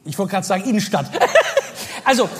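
A woman comedian telling a stand-up story in a lively, animated way. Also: mid-range voice, fairly quick, noisy background. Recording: reverberant hall.

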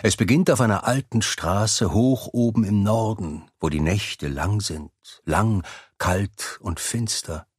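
A man playing a mysterious, brooding fireside storyteller with a dark past, telling a scripted tale ominously with dramatic pauses and a husky voice. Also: lowish voice, dry recording, studio quality. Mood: grave, foreboding.

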